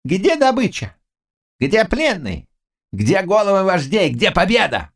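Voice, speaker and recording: A male narrator voicing a furious Tatar warlord with a hoarse, high, snarling voice in an audiobook. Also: wildly swooping pitch, unhurried, heavily acted. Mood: raging. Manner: snarling, high-pitched shouting.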